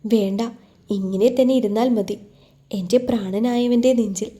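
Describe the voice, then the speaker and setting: Coy young bride in a romance audiobook, woman's natural voice, soft, dark and mellow. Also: mid-range voice, steady tone, measured pace, natural voice. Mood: emotional. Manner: coy and shy.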